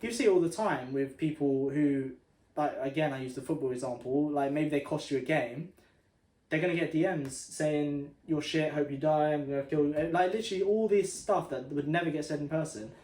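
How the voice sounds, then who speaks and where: A man's voice: a little high, fairly quick, darkish tone. A young man co-hosting a podcast in casual chat, thoughtful and hedging his points with "like" and "you know". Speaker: podcast co-host. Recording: roomy with faint noise.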